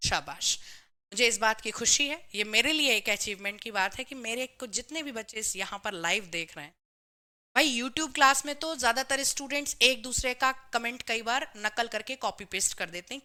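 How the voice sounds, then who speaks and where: A woman's voice: a little high, normal speed, sharp tone. A woman teaching chemistry in a live online class, explaining step by step, reading out students' comments and answering them with a lot of "theek hai". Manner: says "bhai" and "theek hai" to the class often.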